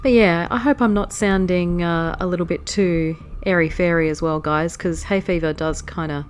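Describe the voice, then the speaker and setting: A woman hosting a let's play gives casual commentary on a strategy game, sounding nasal and blocked up from hay fever. Her voice is lowish with fairly even intonation at normal speed, and her manner is chatty and easily distracted. There's a little hiss or hum in the recording.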